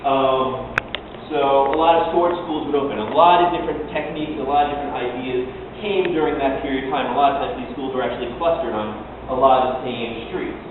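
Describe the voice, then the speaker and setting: A man's voice: mid-range voice, steady tone, fairly quick, hardly any pauses. A man giving an explanatory spoken lecture as a fencing instructor, recorded from afar in a large, echoey room. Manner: explanatory, acting out short quotes. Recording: echoey hall, distant mic, tinny, noisy.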